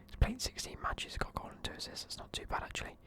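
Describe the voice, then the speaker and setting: Sharp in tone and fast in delivery, a young man whispers all the way through a casual video. He sounds sleepy while reviewing football teams and swearing offhandedly.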